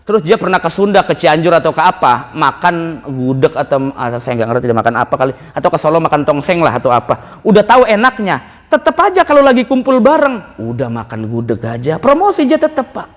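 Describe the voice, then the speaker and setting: A man's voice: mid-range voice, lively intonation, a little fast. A male preacher, giving a Friday sermon lecture in a mosque, colloquial and joking, acting out the voices of the people he quotes. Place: mosque hall. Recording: echoey mosque hall.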